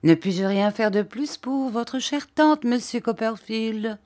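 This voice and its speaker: A woman's voice: on the high side, slow pace, warm tone, pitched above the performer's own voice. A woman doing a fawning, fussy old landlady. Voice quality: obsequious, simpering. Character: fussy, fawning older landlady, eager to please.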